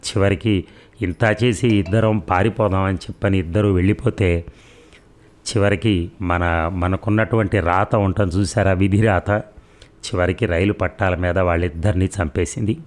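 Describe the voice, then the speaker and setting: A man telling a story in a steady, earnest way, adding heartfelt remarks of his own. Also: low-pitched, moderate pace. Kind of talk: storybook narration.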